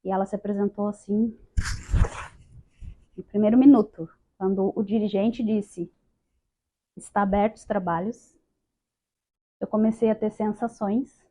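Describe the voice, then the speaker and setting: A woman's voice: mid-range voice, a little slow, long pauses. A woman telling her spiritist experiences to an audience, acting out dialogue and often calling out to her listeners. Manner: lively storyteller acting out dialogue, addresses listeners as "gente". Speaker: spiritist speaker. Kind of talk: testimonial talk to an audience. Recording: dull lo-fi sound.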